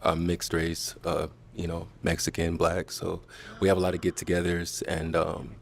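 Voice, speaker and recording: Very deep, flat-voiced laid-back man. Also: normal speed, vocal fry, a little hiss or hum. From grew up in the Valley, born in Illinois. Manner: laid-back, rambling, lots of "you know" and "um". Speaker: dating show contestant. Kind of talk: casual dating show conversation.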